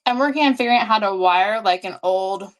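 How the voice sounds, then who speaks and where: A woman's voice: mid-range voice, fairly quick. A woman player in casual chat on a tabletop game stream, friendly, a bit sheepish, laughing easily.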